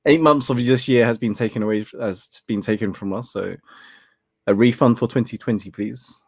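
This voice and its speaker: A man's voice: medium pitch, fairly even intonation, moderate pace, no room sound, clean studio sound. A young man hosting a casual late-night chat, laid-back and laughing often as he talks. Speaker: host.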